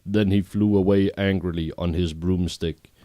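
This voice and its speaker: Deep-voiced deadpan fanfiction reader. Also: male voice, moderate pace, dry recording, studio quality. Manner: deadpan, reads errors as written. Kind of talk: reading fanfiction aloud.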